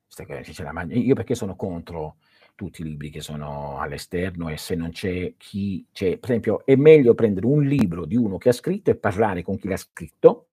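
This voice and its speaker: A middle-aged man hosting a livestream, reading out viewer questions and answering them in an animated, chatty way that often restarts mid-sentence. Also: low-pitched, moderate pace, slightly rough, no echo, clean studio sound. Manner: animated, repeats and restarts, talks to viewers directly. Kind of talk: casual esoteric livestream talk.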